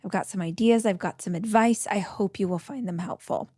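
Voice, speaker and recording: A woman's voice: mid-range voice, fairly quick, warm tone, breathy edge, no room sound, studio quality. A woman in her forties hosting her own podcast, talking in a chatty, enthusiastic, bubbly way to her listeners. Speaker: podcast host. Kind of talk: casual solo podcast talk.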